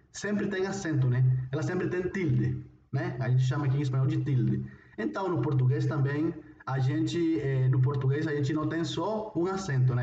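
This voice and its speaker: A man's voice: medium pitch, dark tone. Hesitant man teaching in an echoey room. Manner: hesitant, many fillers and restarts. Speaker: Portuguese teacher. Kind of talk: recorded video lesson. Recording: roomy, distant, dull, faint noise.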